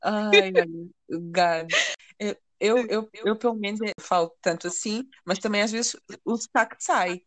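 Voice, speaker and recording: A woman co-host chatting casually in a lively, emphatic way, quick to jump in. Her voice sits at a middle pitch. The room sounds dry and close. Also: no room sound. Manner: animated, emphatic, quick to react. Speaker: podcast co-host. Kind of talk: casual conversation.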